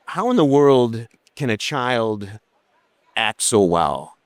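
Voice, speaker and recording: Male host, conversational questioner, clear voice, dry close mic. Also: medium pitch, very animated, takes it slowly, no room sound. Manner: conversational, asks follow-up questions. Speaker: interview host. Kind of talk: casual interview.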